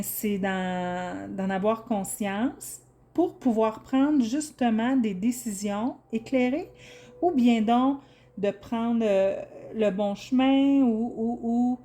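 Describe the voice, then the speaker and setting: A woman's voice: mid-range voice, mellow. A woman with a Québécois French accent giving a casual, enthusiastic tarot reading to viewers, chatty, with many fillers and restarts. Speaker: tarot reader.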